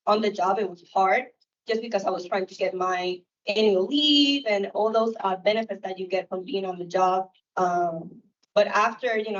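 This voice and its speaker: A woman from Puerto Rico with a Puerto Rican accent, whose first language is Spanish, speaking to a room as an officer, with frequent hesitant fillers. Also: mid-range voice. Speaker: uniformed officer at a recruitment event. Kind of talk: casual public talk. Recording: distant, muffled room recording.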